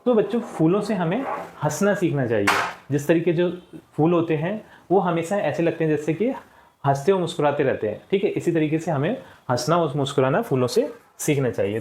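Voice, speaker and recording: A man's voice: fairly high pitch, darkish tone. Patient male teacher explaining lessons. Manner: patient, repeats words slowly for pupils; addresses children often, checks with "ठीक". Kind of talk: school lesson, explaining textbook answers.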